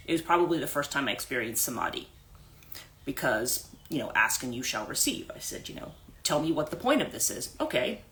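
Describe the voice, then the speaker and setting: A middle-aged woman with a bright, forward voice talks through a personal story on a morning livestream. She rambles and restarts often, piling up fillers as she searches for words. The sound is a casual phone stream. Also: sits low. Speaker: life coach.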